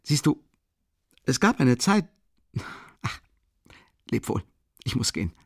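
A man reading an excitable young man who rambles and breaks off mid-sentence. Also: mid-range voice, takes it slowly, gravelly, slightly rough, no echo, studio quality, exaggerated voice. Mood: halting. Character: agitated young man, excitable, talkative friend.

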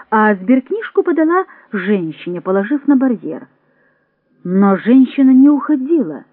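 Brief: woman audiobook narrator, expressive and varied, dry, lo-fi recording. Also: medium pitch, dry recording. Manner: expressive, measured reading. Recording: dry, tinny phone-like sound.

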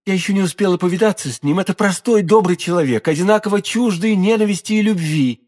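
A man's voice: high voice, fast talker, a little mellow, voice pushed up. A man reading an audiobook, voicing an earnest, devoted young woman who serves the queen. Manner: earnest, fervent.

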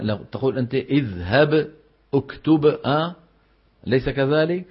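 A man teaching recitation rules to a class, questioning his students and reciting examples slowly. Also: medium pitch. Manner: explains with frequent questions to the class. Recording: dull lo-fi recording.

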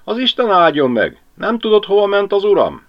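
A man's voice: high voice, sing-song, pitched above the performer's own voice. A man voicing a worried, breathless village wife in a lo-fi audiobook reading.

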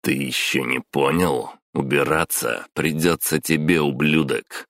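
A man voicing a cocky young office trainee in an audiobook, who speaks calmly and smugly and turns coldly menacing. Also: a bass voice, a little slow, dry recording, studio quality, exaggerated voice. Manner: calm and smug, turning cold and menacing.

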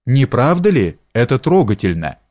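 A man's voice: medium pitch, sing-song, normal speed, a little mellow, no echo. A man voicing a smug, condescending male landowner who speaks in an affable, patronizing way.

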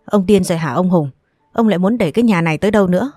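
A woman's voice: lowish voice, racing, dark tone, no echo, studio quality, soft background music, close to an everyday voice. A woman voicing a hot-tempered young woman who angrily scolds her older brother. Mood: furious. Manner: angry, scolding.

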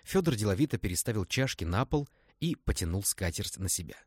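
A man narrating an audiobook in steady scripted storytelling. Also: lowish voice, brisk, slightly rough, no room sound, clean studio sound.

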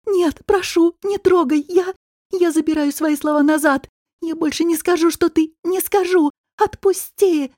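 A woman reading an audiobook voices a frightened young heroine who talks in a high, strained, pleading and defiant way. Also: fairly even intonation, measured pace, dark tone, no room sound, studio quality. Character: frightened young red-haired woman defending herself.

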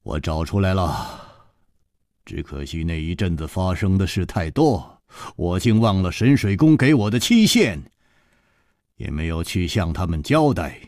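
A man voicing a calm, weary gallant hero who speaks quietly and measuredly with sighs. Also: low-pitched, a little slow, no echo, clean studio sound.

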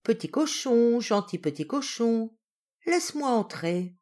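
A woman voicing a greedy, menacing male wolf in a storybook reading, speaking slowly and loudly. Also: a little high, very animated, noisy background, voice pushed up.

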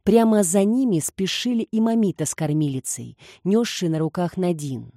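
A woman narrating a novel aloud in a steady, measured reading. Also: on the low side, dry recording, clean studio sound. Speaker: audiobook narrator. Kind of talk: scripted narration.

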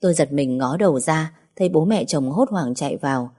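A woman narrating a first-person story in a calm, reflective way. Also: sits low, fairly quick.

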